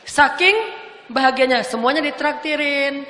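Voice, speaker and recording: Woman preacher, high voice, playful jokey storytelling, echoey hall. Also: measured pace, pushed and bright. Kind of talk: humorous casual sermon. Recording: echoey hall with long reverb.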